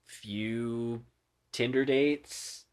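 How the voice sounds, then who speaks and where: A man guesting on a podcast, telling a story in casual chat, rambling with lots of fillers and dropping to soft murmurs. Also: mid-range voice, fairly even intonation, drawn-out words, clear, resonant tone.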